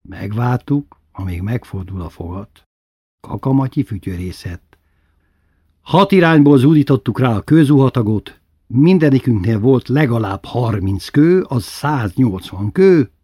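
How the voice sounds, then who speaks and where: A man reading a childhood memoir aloud as narrator, in a subdued, intimate storytelling manner with a husky voice. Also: lowish voice, warm tone, no echo, clean studio sound.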